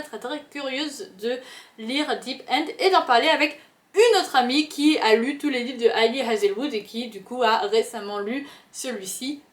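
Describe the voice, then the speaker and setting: Young woman, slightly high voice, casual book chat, echoey room. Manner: chatty, animated, many fillers. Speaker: book vlogger.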